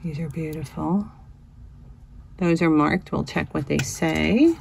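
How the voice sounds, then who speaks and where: Slow, gravelly-voiced woman thrifting. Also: low-pitched, darkish tone, slight background noise. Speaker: vintage reseller vlogger. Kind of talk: casual thrifting narration. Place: inside a cluttered antique store.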